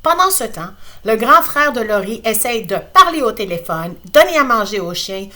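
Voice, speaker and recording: A woman teacher with a Quebec accent reading a picture book aloud to her class, lively and expressive with playful asides. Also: on the high side, normal speed. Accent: Quebec French.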